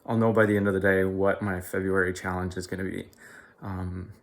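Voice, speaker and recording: A man talking casually to his vlog, hesitant and halting, shivering after time in ice cold water. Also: deep voice, monotone. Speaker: vlogger.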